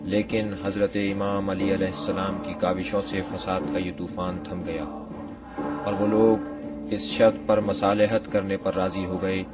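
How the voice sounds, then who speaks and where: A man's voice: low-pitched, recorded from a distance. A man narrating a historical drama in a formal, scripted way. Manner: even, formal.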